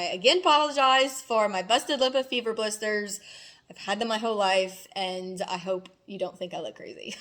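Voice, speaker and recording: A woman's voice: on the high side, fairly bright tone. A woman giving casual vlog advice as a fitness coach, emphatic and directive, often checking in with the listener. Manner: emphatic, directive, frequent "okay?" check-ins.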